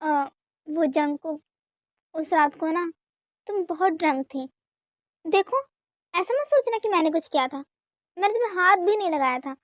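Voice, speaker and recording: A woman's voice: very high voice, sing-song, a little fast, no room sound. A woman voicing an indulgent, evasive young husband who hesitates and stammers in an amateur romantic fan dub. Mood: hesitant.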